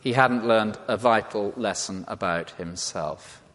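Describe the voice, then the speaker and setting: Preacher in a reverberant church. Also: male voice, fairly low pitch, measured pace, a bit bright. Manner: emphatic, rhetorical repetition. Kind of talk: sermon. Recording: long hall reverb.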